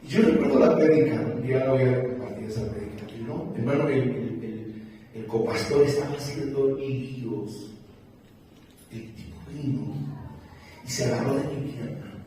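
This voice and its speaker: A man's voice: medium pitch, normal speed, dark tone, a little hiss or hum. A man preaching a sermon, telling stories and calling his listeners brothers. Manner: storytelling, addresses listeners as brothers. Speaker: pastor. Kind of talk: sermon with anecdotes. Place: church hall. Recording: echoey hall, mic far off.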